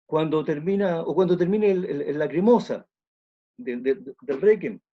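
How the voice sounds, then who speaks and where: A man's voice: a little high, moderate pace, lo-fi sound. A man, an orchestra conductor giving an online music talk, explaining thoughtfully and repeating phrases as he thinks.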